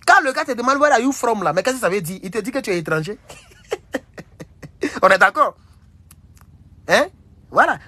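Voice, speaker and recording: A young man with an Ivorian French accent holds forth on a casual livestream, lively and rhetorical, firing the same question back several times. His voice is husky and a little breathy. The sound is dry and close, with no room around it. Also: very high voice, dry recording. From Côte d'Ivoire. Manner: animated, rhetorical, repeats questions. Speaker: livestream host.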